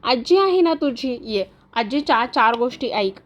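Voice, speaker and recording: A woman's voice: on the high side, expressive, measured pace, dull audio. A woman voicing an older grandmother who scolds and then coaxes, in a retold TV serial. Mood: coaxing.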